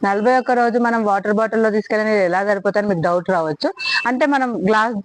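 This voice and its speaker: A woman's voice: medium pitch, quick pace, no echo, poor audio. A woman, talking in a fervent, rambling way in a casual devotional travel vlog recorded outdoors at a temple at night. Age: 30s. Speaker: travel vlogger.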